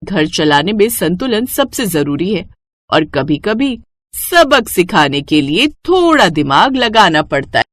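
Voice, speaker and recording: A woman narrates a storybook tale in a measured, storytelling way. Her voice rises and falls a great deal. The recording is dry and close, with no room sound. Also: fairly low pitch, very animated, no echo. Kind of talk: scripted narration.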